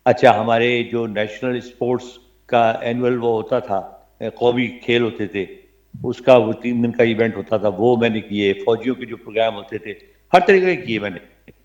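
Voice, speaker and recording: An older man from Pakistan, a veteran radio commentator, telling animated stories as an interview guest and often checking that his listener follows. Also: medium pitch. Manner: animated anecdotes, frequent "theek hai na?" check-ins. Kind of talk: reminiscing interview storytelling. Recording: dull lo-fi broadcast audio.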